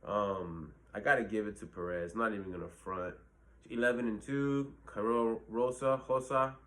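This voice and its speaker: A man's voice: on the low side, moderate pace, a bit bright. Man, casual solo commentary, blunt, profane, rambling, lots of um. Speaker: fight predictions host.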